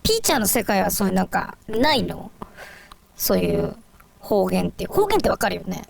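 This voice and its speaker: Gravelly-voiced teen girl, lively questions. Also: mid-range voice, a little fast. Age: teens. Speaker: comedy duo member. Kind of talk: scripted comedy banter.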